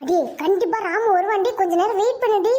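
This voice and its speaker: A woman's voice: extremely high pitch, fast, warm tone. A woman voicing an angry, bitter aging mother in a cartoon, scolding and accusing. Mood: insistent. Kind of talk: Tamil cartoon voice acting.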